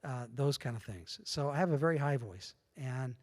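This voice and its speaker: At a moderate pace and with a mid-range voice, a middle-aged man shares stories as an interview guest. He's animated and casual, voicing characters' lines as he goes, all heard through a long room reverb.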